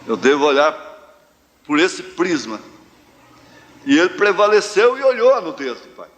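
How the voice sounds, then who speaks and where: A Brazilian pastor preaching a live sermon, telling homespun stories with slow, drawn-out phrases. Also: male voice, on the high side, sing-song, fairly bright tone. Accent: Brazilian Portuguese, central-west. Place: large church hall. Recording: live church hall reverb, faint ambience.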